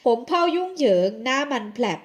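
High-voiced woman narrating a drama. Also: expressive, brisk. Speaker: narrator and heroine voice. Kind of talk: audio drama narration and acting.

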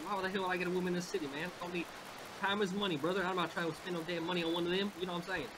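A man's voice: high-pitched, little pitch movement, rapid-fire. A man chatting casually as a player in an online role-play game. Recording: hissy, noisy game voice chat.

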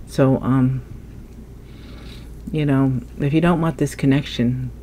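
Very deep and mellow, her voice holds a steady tone at a slow pace as this stuffy-nosed woman gives a casual tarot reading. She muses aloud while turning cards at a table indoors, hands alone in frame, with a little hiss or hum in the recording.

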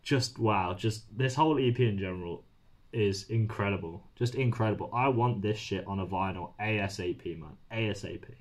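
Low husky-voiced man reacting to metal. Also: normal speed. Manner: excitable, swears freely, rambling. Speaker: music reaction channel host. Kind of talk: casual reaction commentary. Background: faint music playing.

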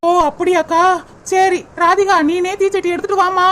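A woman's voice: very high voice, flat delivery, moderate pace. A woman with a southern Tamil Nadu accent voicing a daughter-in-law in a village cartoon comedy, coaxing and soothing. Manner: coaxing and soothing, drawing out chants. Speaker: cartoon voice artist. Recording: clear background noise.

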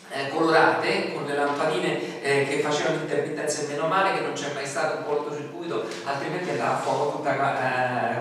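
A middle-aged man from Italy gives a relaxed, conversational sermon in a small church hall. His voice sits a little high and he often puts questions to the congregation. The sound is roomy, with long reverb and faint background noise. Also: far from the mic. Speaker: pastor. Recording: echoey hall, voice from afar.

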